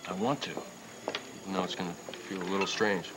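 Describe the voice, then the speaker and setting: A young actor playing an earnest husband in a TV soap, talking in a soft, hesitant, tender way. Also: male voice, low-pitched, fairly even intonation, normal speed, very noisy. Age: young adult. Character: earnest young husband reassuring his wife. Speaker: soap opera character Trucker. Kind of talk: 1990s TV soap acting. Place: indoor studio set, dining room. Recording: soap soundtrack with music underneath.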